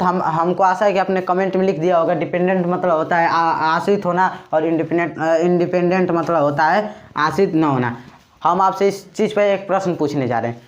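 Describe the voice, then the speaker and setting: A man teaching a casual grammar lesson in a chatty, joking way, with a Bhojpuri-tinged Hindi accent. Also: high-pitched. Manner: chatty, joking, addresses viewers as brothers. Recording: slightly dull lo-fi recording.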